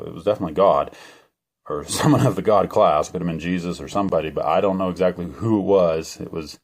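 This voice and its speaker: A middle-aged man with a very deep voice tells the story of a vivid dream. He talks in a rambling, earnest way, stopping and restarting often and leaning on fillers. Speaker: channel host. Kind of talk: personal testimony to camera.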